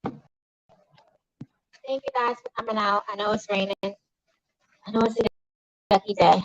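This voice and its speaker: A woman in her forties gives an impassioned protest speech as a grieving sister at an outdoor rally in the rain. She is emotional, with outbursts that turn angry and accusing. Her mid-range voice is steady and slow, and the dull lo-fi recording has no room sound.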